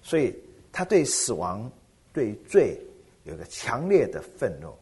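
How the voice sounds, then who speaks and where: A middle-aged man, a pastor, preaching a sermon with animated rhetorical questions. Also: medium pitch, measured pace, vocal fry, husky.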